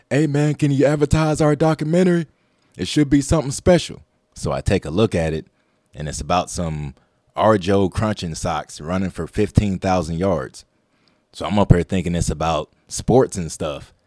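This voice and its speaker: A man's voice: low voice, darkish tone, no echo, studio quality. A man hosting his own show, talking casually and directly to the audience. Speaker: show host. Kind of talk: casual solo show talk.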